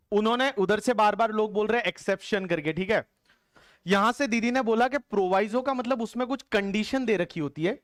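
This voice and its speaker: A man's voice: high-pitched, dry recording, studio quality. A man teaching tax law in a classroom lecture, colloquial and explanatory, who quizzes the class and repeats the answers aloud.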